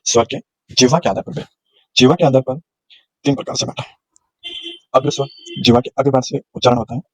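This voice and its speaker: Man, teacher, grammar lesson, patient explaining, sounds out letters one by one, mid pitch. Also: steady tone, fast, breathy edge, no room sound, low-quality recording. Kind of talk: classroom lecture on grammar.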